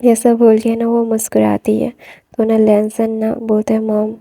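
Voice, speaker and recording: A woman's voice: fairly high pitch, monotone, moderate pace, creaky, dark tone, dry recording. A woman casually retelling a fan story in a rambling way, full of repeated filler words.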